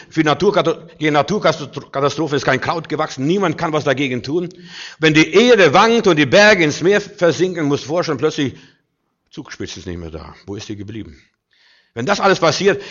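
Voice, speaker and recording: A man preaching a sermon with emphasis, swinging between loud declarations and quiet, low asides. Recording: dull lo-fi recording.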